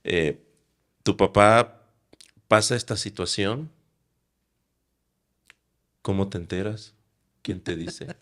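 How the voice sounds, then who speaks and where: Male host, very low voice; reflective interviewer prompting the guest. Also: slow pace, long pauses, a bit bright. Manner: reflective, prompts with tag questions. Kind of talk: interview questions.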